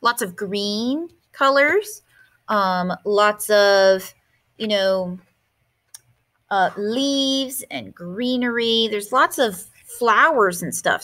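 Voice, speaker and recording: A woman's voice: medium pitch, slow pace, fairly bright tone. A woman teacher reading a picture book aloud to her class, stopping to explain words and ask questions. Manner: explains vocabulary and asks the class questions, with fillers.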